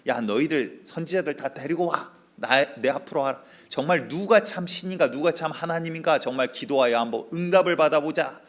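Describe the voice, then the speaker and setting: A pastor acting out a fiery male prophet of old, shouting defiance and then pleading in anguish. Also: a little high, a little fast, few pauses, voice pushed up, lightly acted. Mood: defiant.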